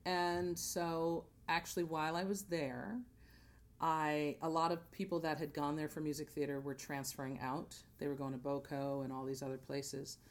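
Her voice is low and her delivery flat, at a moderate pace. She's an American theater singer, Jamaican-born and New Jersey-raised, casually chatting as a podcast guest and playing out bits of dialogue in her story.

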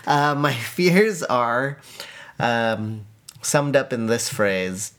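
A man's voice: medium pitch, extremely slow, a bit bright. Playful, jokey man co-host. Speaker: podcast co-host. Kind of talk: casual chat.

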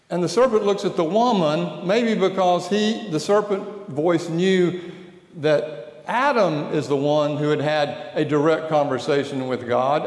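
A male preacher delivers a sermon at a slow, deliberate pace, in a slightly higher-than-usual voice. His conversational delivery, full of questions to the congregation, echoes through a church sanctuary with a long, ringing reverb. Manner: conversational, asks the audience questions.

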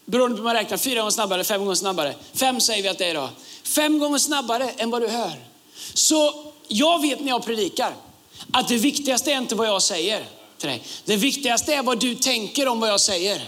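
High-voiced man preaching a lively sermon. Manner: humorous asides, rises to shouting at key points. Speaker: pastor. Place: church service with campuses.

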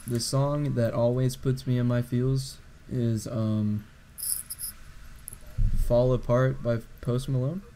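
A man's voice: medium pitch, flat delivery, slow, mellow, a little hiss or hum. A young man co-hosting a podcast over a voice call, talking in a rambling, hedging way and laughing often. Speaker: podcast co-host. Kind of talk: casual chat.

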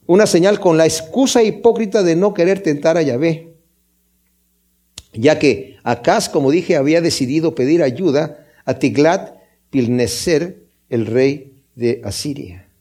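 A man's voice: a little high, warm tone. A man preaching a sermon, explaining a scripture passage step by step and asking his listeners questions as he goes. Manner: explains step by step, pausing to ask the congregation.

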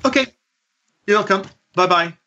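A man, a podcast guest, explaining his free microbiome website in earnest detail with frequent "um"s, heard over a low-quality remote audio stream. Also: moderate pace, sharp tone. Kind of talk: explaining in an interview. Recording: muffled lo-fi remote call audio.

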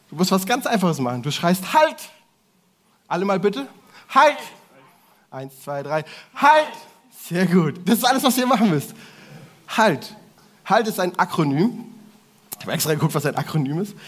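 A man preaching to a congregation in a lively way, talking directly to the audience with playful asides. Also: sits high, husky. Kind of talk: sermon to a congregation.

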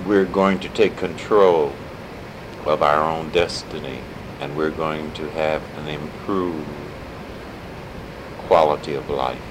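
An older man reminiscing in a halting, deliberate way, pausing often as he is interviewed for an oral history. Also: fairly even intonation. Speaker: interviewee, civil rights activist. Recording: noisy tape with low rumbling hum.

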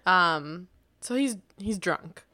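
A woman's voice: lowish voice, lively intonation, slow pace, sharp tone, no room sound, clean studio sound. A woman co-hosting a pop culture podcast in an informal, conversational style. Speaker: podcast co-host. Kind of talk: casual pop culture chat.

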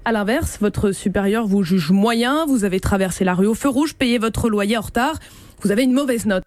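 A woman's voice: medium pitch, moderate pace, a little mellow, dry recording, studio quality. A woman radio journalist delivering an explanatory news report that addresses listeners directly.

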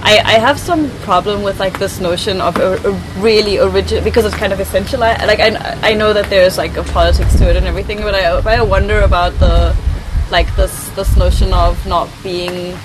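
A woman's voice: mid-range voice, steady tone, fairly quick, background noise. A woman from Brazil in a casual chat, speaking hesitantly with many fillers and restarts.

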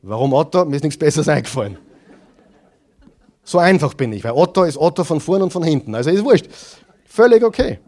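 A man preaching a sermon as pastor, asking the congregation questions and answering them himself, swinging between loud stressed phrases and quiet asides. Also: a little high, lively intonation, fairly quick, long pauses.

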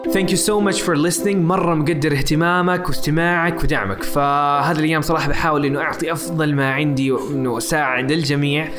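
A male podcast host closes the episode in a quick, grateful voice and asks listeners to reach out and follow. His voice sits a little higher than most men's. A clear music bed plays under him throughout. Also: fairly even intonation. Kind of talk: podcast outro.

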